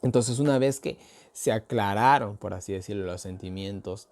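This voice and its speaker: Mellow-voiced man teaching Bible study. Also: fairly low pitch, moderate pace. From Ecuador. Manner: frequent tag questions and filler words, hesitant restarts; conversational and explanatory, addressing listeners directly. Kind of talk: casual Bible study talk.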